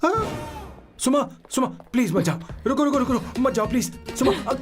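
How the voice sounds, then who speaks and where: A man's voice: high voice, big pitch swings, moderate pace, fairly bright tone, soft background music. An actor playing a lovesick young male hero in a dubbed film, pleading and then indignant.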